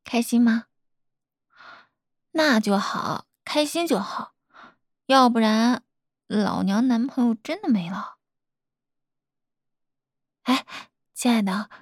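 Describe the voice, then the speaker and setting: Breathy young woman, tender and coaxing. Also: a little high, dry recording, clean studio sound. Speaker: girlfriend in audio role-play. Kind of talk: girlfriend role-play audio.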